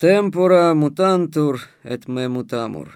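A man's voice: fairly high pitch, animated, unhurried, darkish tone, clean tone, no echo, studio quality. A male reader voicing a determined young man who talks in a wry, reassuring way.

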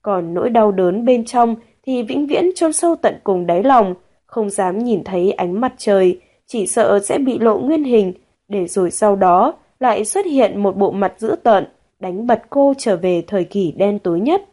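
A woman narrating a romance novel as an audiobook, in a steady, measured storytelling manner. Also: medium pitch.

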